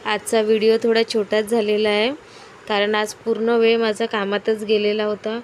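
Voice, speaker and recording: A woman's voice: medium pitch, completely flat delivery, moderate pace, slight background noise. A woman in her thirties filming a casual family vlog at home, chatting to viewers and coaxing a small child. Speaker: family vlogger.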